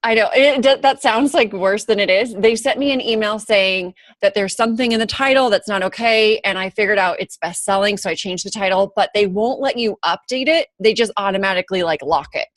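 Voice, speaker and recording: A woman's voice: mid-range voice, a little fast, few pauses, fairly bright tone, no echo. A woman hosting a casual video chat as a book-launch coach, explaining steps and laughing often.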